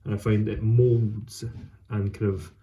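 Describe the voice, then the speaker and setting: Man, very dark mellow tone, lowish pitch, casual vlog host, rambling, halting, unhurried. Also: little pitch movement, a little hiss or hum. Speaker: host of a pipe tobacco vlog. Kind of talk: casual solo chat to camera.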